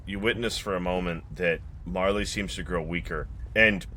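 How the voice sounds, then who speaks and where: A man narrating a tabletop game as game master, with ornate, deliberate, dramatic storytelling. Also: deep voice, fairly even intonation, a crowd in the background.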